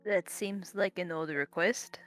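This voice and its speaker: A woman narrating as game master in a tabletop game, hesitant and quick to laugh, often restarting her sentences. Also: fairly low pitch, fairly bright tone, soft background music.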